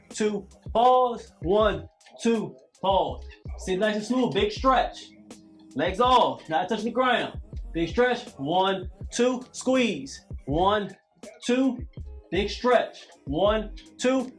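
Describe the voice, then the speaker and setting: A man in his late thirties coaching a calisthenics workout with emphatic, preachy, repetitive cues. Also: high-pitched. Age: 30s. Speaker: fitness coach.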